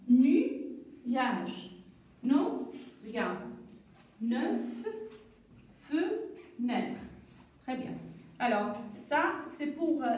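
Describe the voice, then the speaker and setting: Woman teacher for small kids; high, lively pitch; slow and deliberate; echoey room, far from the mic. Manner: slow, deliberate, sounds out syllables. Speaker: primary school teacher. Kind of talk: reading lesson for young children.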